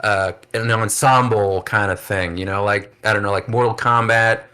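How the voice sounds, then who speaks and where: A man hosts a casual podcast chat, talking in an upbeat, rambling way full of fillers. His voice sits a little low but has a bright, forward ring. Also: fairly even intonation, normal speed, clear, resonant tone. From United States. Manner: chatty, upbeat, many fillers. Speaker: podcast host.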